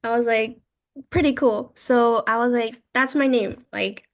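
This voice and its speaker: A woman in her twenties who grew up in China speaks English as a second language, in a fairly high voice. She tells her story in casual, halting phrases, leaning on "like" and "I was like" to quote herself. She is a podcast guest in a relaxed interview. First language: Mandarin. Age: 20s.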